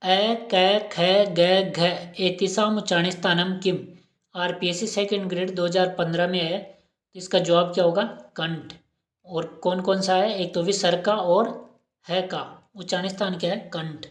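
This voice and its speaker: A woman's voice: on the low side, fairly even intonation, measured pace. A woman teacher giving an exam-prep lesson, asking questions and repeating each answer aloud. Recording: roomy echo.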